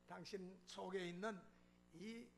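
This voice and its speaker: In a church sanctuary, a pastor preaches a sermon, telling a story and animatedly acting out the dialogue with chuckles. His voice is high-pitched with vocal fry, and he takes it slowly. There's slight background noise.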